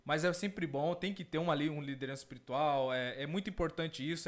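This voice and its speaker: High-voiced evangelical man. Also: a bit bright. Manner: earnest, repeats words, calls listeners brothers. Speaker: evangelical video host. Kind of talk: testimony and reaction commentary.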